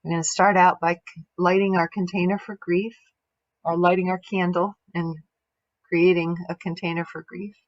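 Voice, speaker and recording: Lowish-voiced woman facilitator, slightly dull sound. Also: flat delivery, normal speed, no echo. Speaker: course facilitator. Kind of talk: gentle group lesson introduction.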